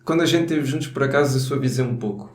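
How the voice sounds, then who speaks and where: A man's voice: mid-range voice, rapid-fire. A man with an Alentejo Portuguese accent chatting casually and jokingly, in colloquial language, as a podcast guest. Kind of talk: casual chat. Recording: echoey room, faint background noise.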